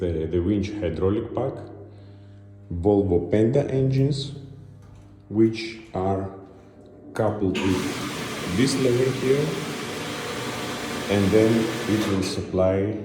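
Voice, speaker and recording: A man narrating an unscripted video tour as a guide, halting and pausing between short phrases. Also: low voice, dark tone, echoey room.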